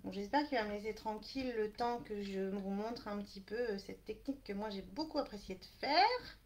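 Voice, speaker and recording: This crafting live-stream host is a French-speaking woman who greets her viewers mid-task and says sorry for camera problems. She talks in a chatty way, fairly quickly, with a medium pitch and lively intonation, over a little hiss or hum.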